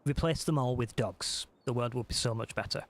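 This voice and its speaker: A man's voice: medium pitch, a little fast. A man chatting casually through a live gameplay stream, self-deprecating and talking to his viewers.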